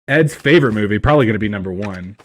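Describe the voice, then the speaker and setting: A man's voice: fairly low pitch, expressive, rapid-fire, slight background noise. Joking man on a casual podcast. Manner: joking, teasing. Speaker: podcast co-host. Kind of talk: casual chat.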